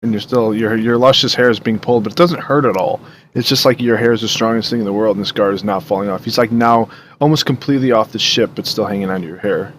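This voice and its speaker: A man's voice: fairly low pitch, fast, a little hiss or hum. A man narrating a tabletop game as dungeon master in a casual, laughing way.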